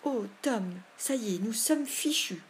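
A woman's voice: fairly high pitch, lively intonation, measured pace, a little hiss or hum, pitched above the performer's own voice. A woman voicing a timid, scruffy young boy in an audiobook, asking anxious, fretful questions. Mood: panicked. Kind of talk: audiobook character voice.

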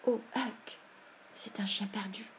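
A woman's voice: on the low side, animated, unhurried, a little mellow, a little hiss or hum. A woman voicing a bold but superstitious young boy in an audiobook, talking urgently and sometimes dropping to a whisper. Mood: hushed fear. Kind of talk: audiobook character voice.

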